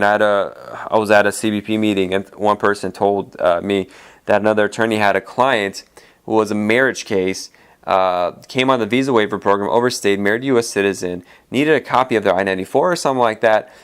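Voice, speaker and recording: A man's voice: lowish voice, brisk, a bit bright, smooth. A man who is an immigration attorney, hosting a solo podcast in a casual, rambling way with many fillers and restarts, his voice tired from a long day of talking.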